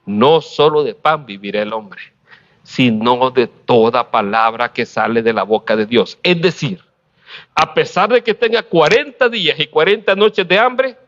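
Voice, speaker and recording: A man preaching a sermon, pausing often and asking rhetorical questions with a light laugh now and then. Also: a little high, fairly bright tone, highs cut off. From Honduras.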